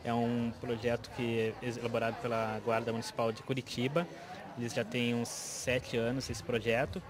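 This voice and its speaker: A young man, a municipal guard giving spontaneous interview answers into a handheld microphone outdoors. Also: mid-range voice. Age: young adult. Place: outdoors in a school courtyard. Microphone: handheld reporter microphone. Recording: busy outdoor schoolyard chatter behind.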